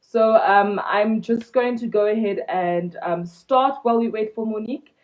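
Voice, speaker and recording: A woman's voice: mid-range voice, normal speed, lo-fi sound. A young woman from South Africa founding a blog, talking casually on a phone live stream with many ums and restarts. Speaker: blog founder hosting an Instagram live launch.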